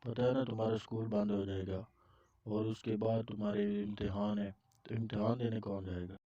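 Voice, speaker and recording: A man's voice: lowish voice, level tone, mellow, no room sound, natural voice. A man voicing a worried cartoon dad. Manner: questioning, worrying. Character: worried father scolding his son. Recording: dull lo-fi dry recording.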